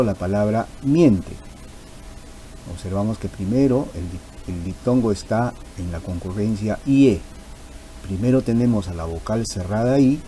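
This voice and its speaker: A man's voice: on the low side, dark tone, rough recording. A man teaching a grammar lesson, patient and repeating key terms for emphasis.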